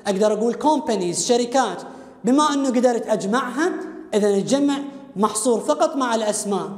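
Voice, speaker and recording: A woman's voice: on the high side, lively intonation, fast, darkish tone. A woman with an Iraqi Arabic accent teaching an English lesson, asking and answering her own questions and explaining each English phrase in Arabic. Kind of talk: classroom grammar lesson. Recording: echoey room with long reverb.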